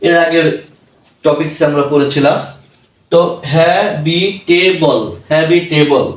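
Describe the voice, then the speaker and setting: A man teaching English pronunciation, spelling words out letter by letter and repeating each syllable slowly. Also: fairly high pitch. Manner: slow, deliberate, repeats syllables. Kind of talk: classroom-style lesson, spelling out words letter by letter. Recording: echoey room, voice from a distance.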